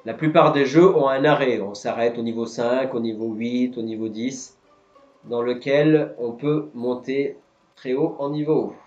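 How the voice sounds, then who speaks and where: A man's voice: mid-range voice, fairly even intonation, unhurried, a little mellow. Man hosting a quiz in a roomy space. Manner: patiently explains each answer. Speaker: quiz host. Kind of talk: live-stream quiz hosting. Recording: roomy, dull lo-fi sound, faint music.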